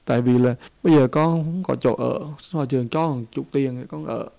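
A man's voice: mid-range voice, a little fast, gravelly, warm tone, close to an everyday voice. A man voicing a destitute young pregnant woman who begs tearfully for help, within a spoken dharma story. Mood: pleading. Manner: tearful begging.

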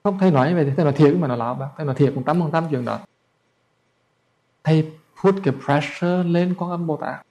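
A man's voice: a little high, fast, warm tone. A man, a Buddhist monk telling a story as a sermon in a colloquial, chatty way. He stumbles over repeated words and speaks straight to his listeners.

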